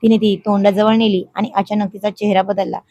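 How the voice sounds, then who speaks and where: A woman's voice: mid-range voice, fairly quick, dry recording, lo-fi sound. Woman narrating a family story. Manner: expressive, voices characters' quoted lines.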